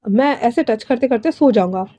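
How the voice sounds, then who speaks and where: A sulky, possessive young man, voiced by a woman storyteller, clingy and stubborn. His voice sits fairly high with a soft, mellow tone. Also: expressive, moderate pace, highs cut off.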